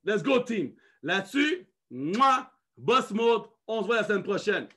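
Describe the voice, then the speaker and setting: Brief: high, bright man with a faded Quebec accent, team leader pushing hard, mixes in English. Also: big pitch swings, measured pace, slightly rough. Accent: faded Quebec French. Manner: mixes English phrases, urging and pleading; swearing, emphatic. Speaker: network marketing leader. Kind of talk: live motivational call.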